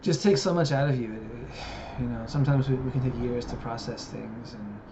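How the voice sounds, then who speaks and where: At normal speed and medium pitch, a creaky-voiced vlogger in his thirties reflects on things in a casual monologue from Japan. He hesitates and uses plenty of fillers. The audio is dull, lo-fi and noisy in the background.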